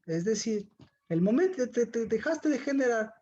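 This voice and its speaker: A woman's voice: a little high, animated, moderate pace, warm tone, lo-fi sound, slight background noise. A woman giving a Bible teaching, firing rhetorical questions at her listeners.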